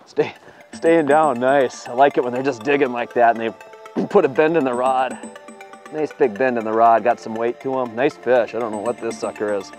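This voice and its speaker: A man's voice: mid-range voice, normal speed, soft background music. Upbeat man explaining fishing tackle outdoors. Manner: upbeat, explanatory, excited at catches. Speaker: fishing video producer. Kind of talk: on-the-water fishing demonstration. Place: open boat on a lake, outdoors.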